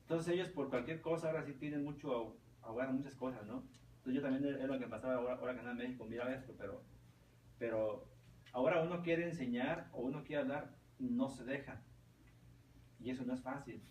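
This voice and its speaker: A man leads a relaxed Bible class, rambling and dotting his points with tag questions. He sounds set back from the mic in a roomy space, with faint noise underneath. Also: mid-range voice, quick pace, recorded from a distance. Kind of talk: informal Bible teaching.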